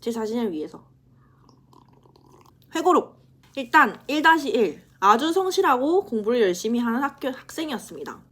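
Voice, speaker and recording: A woman in her twenties, a university student, chatting casually to the camera in a vlog, self-teasing and quick to laugh. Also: a little high, big pitch swings, fairly bright tone. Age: 20s.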